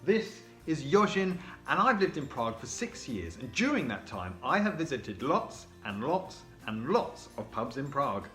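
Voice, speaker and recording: A man hosting a scripted explainer vlog, with an upbeat, lively tour-guide delivery. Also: mid-range voice, normal speed, soft background music. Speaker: vlog host. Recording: roomy echo.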